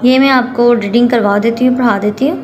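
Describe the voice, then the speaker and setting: A woman's voice: fairly high pitch, steady tone, fairly quick, a little hiss or hum. A woman teaching nursery children Urdu phonics in an online class, patiently sounding out syllables and checking in with a sing-song "okay". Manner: sing-song rising "theek hai" checks.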